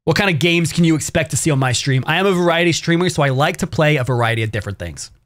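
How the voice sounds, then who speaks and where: A man's voice: a little high, animated, rapid-fire, a bit bright, dry recording, clean studio sound. A man streaming live who chats casually with his viewers, swears often and rambles in a sarcastic way. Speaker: variety streamer.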